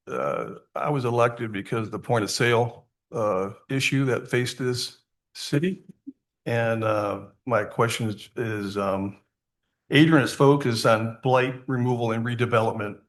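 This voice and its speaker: A man serving as a city commissioner, asking a formal interview question haltingly, with frequent fillers. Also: medium pitch, steady tone. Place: city commission meeting room.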